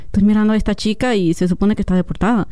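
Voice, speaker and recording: Woman guest, storytelling, acts out voices, mellow tone, dry close sound. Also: medium pitch, racing, no echo. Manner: animated storyteller, acts out dialogue. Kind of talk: telling a personal story in an interview.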